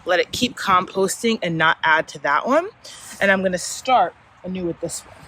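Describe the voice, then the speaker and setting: A woman's voice: on the low side, expressive, normal speed. Woman vlogging outdoors over background noise. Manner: informal, easygoing talk to viewers. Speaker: gardening vlogger. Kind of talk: casual chatty backyard vlog. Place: outdoors in a suburban backyard and side yard.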